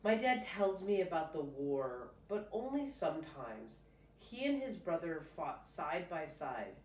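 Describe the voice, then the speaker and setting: In a deep, unhurried voice, a storybook reader gives an expressive reading of a children's picture book, now and then pausing for informal remarks of her own. The recording is roomy, from a distant mic, with faint background noise.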